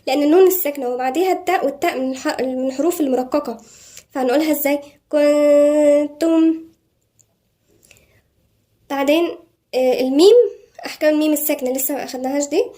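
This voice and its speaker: A woman with an Egyptian accent, a Quran recitation teacher giving a tajweed lesson, who explains quickly and then slowly draws out each word as a model. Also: high voice, mellow. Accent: Egyptian Arabic. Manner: brisk explanations broken by slow, drawn-out model recitation.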